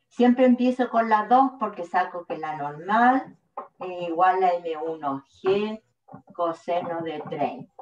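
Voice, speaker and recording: A woman's voice: lowish voice, a little hiss or hum. A woman with a Chilean accent, teaching physics step by step to a class. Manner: patient, step-by-step explaining. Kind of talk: classroom lecture at the board. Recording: echoey room, distant mic, dull sound.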